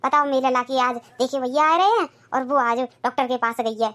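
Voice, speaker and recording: A woman's voice: high voice, brisk, a bit bright. A woman voicing a fussy, doting old village grandmother in a cartoon. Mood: worried. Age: older. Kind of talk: cartoon dialogue.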